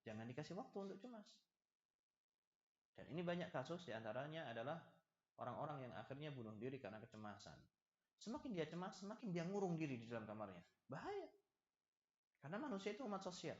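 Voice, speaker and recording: Lively, animated male preacher in an echoey hall. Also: on the high side, quick pace, long pauses. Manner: lively, acts out little dialogues and jokes with the audience. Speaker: preacher giving a study lesson. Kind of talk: religious study lecture. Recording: echoey, slightly dull hall recording.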